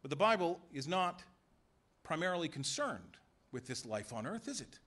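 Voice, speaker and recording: A man preaching a sermon in a church, emphatic and full of rhetorical questions and quick voiced asides. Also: on the high side, big pitch swings, fairly bright tone. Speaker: pastor. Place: church sanctuary.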